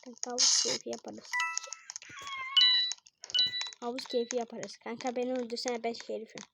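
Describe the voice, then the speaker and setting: High-voiced excitable female gamer. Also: fast, gravelly, heavy background noise. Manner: animated, playful, bursts of shouting and quiet counting. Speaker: gaming video host. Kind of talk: excitable casual gameplay commentary.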